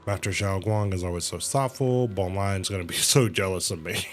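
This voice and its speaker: A man whose voice sits low speaks at a moderate pace during a game livestream, casually reading dialogue aloud and reacting in slang, at times stumbling and correcting himself. There is a little hiss or hum, and game music plays behind him.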